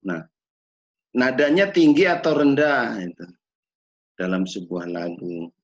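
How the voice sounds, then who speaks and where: Guy lecturing slow and steady, lowish voice, kinda muffled lo-fi audio. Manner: measured, explanatory, asks rhetorical questions. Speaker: lecturer on children's music education. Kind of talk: recorded lecture. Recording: dull lo-fi recording.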